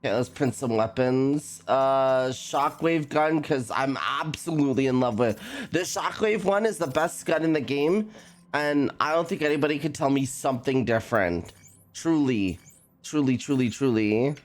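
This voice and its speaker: A woman's voice: a bass voice, normal speed. A woman streaming a video game, chatting playfully with her viewers and making goofy sound effects at a desk microphone.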